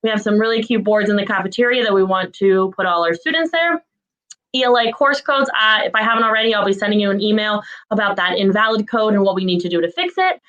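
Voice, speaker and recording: Brief: a woman with a slightly high voice running down weekly staff notices, matter-of-fact, with filler pauses. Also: fairly bright tone, low-quality recording. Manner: brisk, businesslike, frequent "um" fillers. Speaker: school administrator giving staff announcements. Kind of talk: reading a list of staff announcements.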